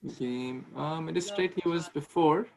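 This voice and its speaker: A man in his thirties leads an online devotional class from a small room over a webcam. His voice sits a little high with a gravelly edge, and he talks conversationally, restarting words and posing questions. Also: normal speed, darkish tone, poor audio. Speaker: speaker giving a class. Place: small room indoors with ceiling fan. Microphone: video call webcam.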